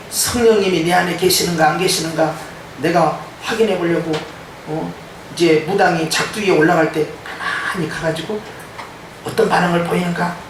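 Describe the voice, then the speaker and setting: A man preaching with a high voice that leaps up and down as he acts out the voices in his stories. He speaks with a touch of Jeolla dialect. The mic is set back from him, and his voice carries through a very echoey church hall with a faint hum behind. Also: recorded from a distance. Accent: Korean, some Jeolla dialect. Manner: animated preaching, mimicking quoted voices. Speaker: pastor. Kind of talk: sermon. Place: church sanctuary.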